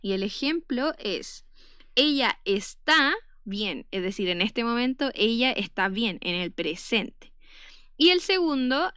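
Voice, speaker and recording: Chilean teacher lady, smooth clear voice, slow with lots of eh's, dry close mic. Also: mid-range voice, a bit bright, dry recording. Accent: Chilean Spanish. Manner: explains slowly with many "eh" fillers, stresses example words. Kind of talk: recorded spelling lesson.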